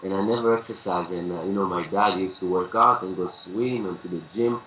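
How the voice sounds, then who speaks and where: A man from Israel with an Israeli accent, a guest in a conversational interview, recounting his story in an unhurried way with plenty of fillers. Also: deep voice, fairly bright tone, roomy sound, slight background noise, rough recording. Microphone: video call.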